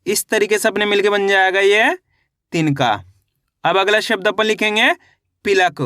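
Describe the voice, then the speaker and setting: Man, Hindi reading teacher, high bright voice, dry close sound, slow syllable drilling, repeats words with emphasis. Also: steady tone, no room sound. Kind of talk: online lesson, spelling out syllables.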